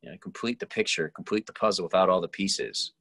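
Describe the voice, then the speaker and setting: Fast-talking low-voiced man, dry sound. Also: a bit bright, breathy edge, dry recording. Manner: rambling, loose and talkative. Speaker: podcast co-host. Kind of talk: casual chat.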